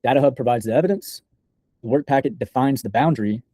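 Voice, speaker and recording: Young man, soft mellow tone, dry close sound, measured demo narration, slightly halting. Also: medium pitch, dry recording. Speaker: software developer presenting a project.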